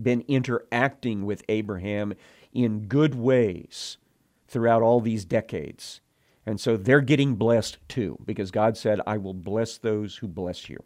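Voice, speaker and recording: Male preacher, unhurried delivery, mid-range pitch, earnest and emotional in telling the story. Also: dark tone. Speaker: Bible teacher. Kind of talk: sermon with scripture reading.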